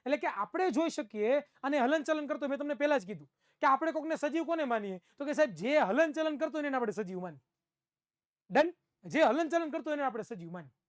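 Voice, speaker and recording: A man's voice: extremely high pitch, animated, fast talker, no room sound, clean studio sound. A male science teacher, giving an online class in a playful way, repeating phrases and acting out students' replies.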